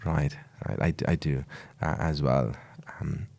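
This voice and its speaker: A man's voice: extremely low pitch, fairly even intonation, a little slow, creaky, darkish tone, dry recording. A man from Sri Lanka, a podcast guest, chatting in an easygoing way with short agreeing replies. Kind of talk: casual podcast chat.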